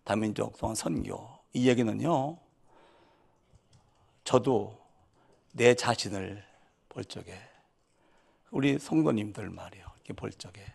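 A man's voice: fairly low pitch, a little slow, vocal fry, long pauses, breathy edge. A man preaching a sermon as pastor, dramatic in delivery, asking the congregation rhetorical questions and acting out quoted voices. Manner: acts out quoted voices with sudden loud outbursts.

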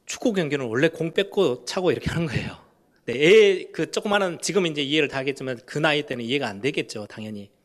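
Animated Korean preacher, fairly high voice. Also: male voice, fast. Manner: animated preaching, acts out questions in a raised voice. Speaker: pastor. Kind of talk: sermon.

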